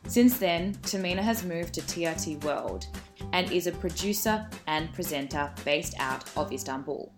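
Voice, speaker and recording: A woman's voice: fairly low pitch, normal speed. A woman from Australia, hosting a podcast and reading an upbeat scripted intro before interviewing her guest. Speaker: podcast host. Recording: music bed under the voice.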